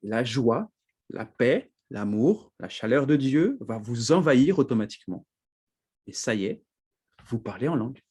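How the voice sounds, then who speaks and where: Male preacher, husky voice, animated teaching delivery, frequent asides to the congregation. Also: mid-range voice, measured pace. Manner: animated, laughs often, repeats "d'accord?" to check in. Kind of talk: teaching sermon.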